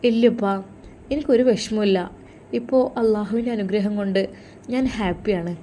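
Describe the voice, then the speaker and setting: A woman's voice: mellow, slight background noise, close to an everyday voice. A woman doing an eager, caring young daughter. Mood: worried, caring. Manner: higher, eager, quick.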